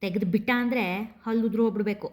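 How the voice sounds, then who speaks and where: A woman's voice: mid-range voice, fairly even intonation, racing, close to an everyday voice. A woman voicing a sassy young woman who mutters sarcastically and huffs off. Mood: sarcastic. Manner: huffy, sarcastic.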